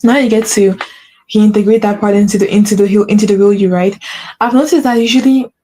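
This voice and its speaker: A little fast, at medium pitch and a steady tone, a spiritual coach hosting a podcast talks straight to her audience in a mellow, soft-edged voice. It's an earnest solo motivational talk where she repeats her points, asks "right?" often, corrects herself, and mentions a stutter. Faint hiss can be heard behind her.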